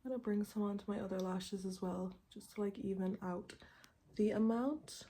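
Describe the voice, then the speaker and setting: This beauty vlogger, in her twenties, has a warm, mid-range voice and speaks at a moderate, steady pace. Chatting casually and rambling through her makeup tutorial, she uses "like" a lot, and her tongue piercing clicks lightly against her teeth.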